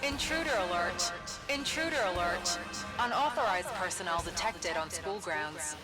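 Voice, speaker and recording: An actor voicing a calm automated school alarm computer that makes flat, measured alert announcements over loud game music. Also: mid-range voice. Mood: urgent calm.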